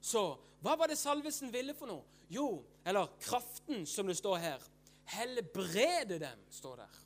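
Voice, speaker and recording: Male preacher, high-pitched, fervent and emphatic, poses his own questions and answers them in a loose, chatty sermon. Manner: fervent, emphatic, repeats phrases, frequent hallelujahs; casual spoken fillers, asks and answers own questions.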